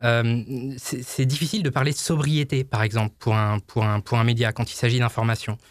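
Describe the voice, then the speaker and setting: A man on a talk show who speaks haltingly, stacking up fillers and restarting his sentences. His voice sounds close and dry, with a middle pitch. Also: steady tone, no room sound. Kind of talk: casual talk show chat.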